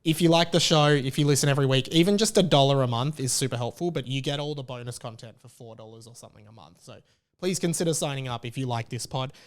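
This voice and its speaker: A fast-talking podcast host with a medium-pitched voice rambles through casual chat. He keeps cutting himself off, starting over, and leaning on fillers.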